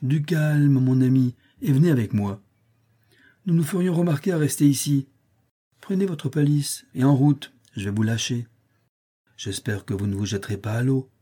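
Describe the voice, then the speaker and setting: Guy reading as a cocky young gentleman, calm and teasing, a bit higher than his narrating voice, dark husky tone. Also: close to an everyday voice. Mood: calm, ironic. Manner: brisk, mocking and self-assured. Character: cool, ironic young male gentleman rescuer.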